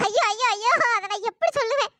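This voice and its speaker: A voice actor playing a middle-aged mother in a cartoon story who wails and curses, in a high pitch-shifted voice. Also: fast, pushed and bright, no echo. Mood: lamenting. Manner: wailing, cursing.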